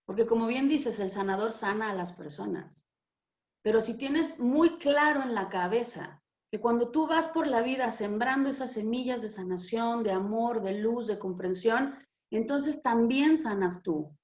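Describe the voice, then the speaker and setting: Mexican woman host, casual spiritual talk, higher voice, dull echoey recording. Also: unhurried. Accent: Mexican Spanish. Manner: frank, expressive, swears freely. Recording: echoey room, dull lo-fi sound.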